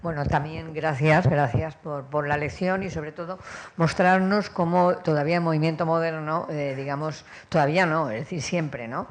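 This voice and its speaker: A woman's voice: sits low, fairly even intonation, moderate pace. A woman giving spontaneous, discursive comments and thanks at a conference, feeling her way through phrases.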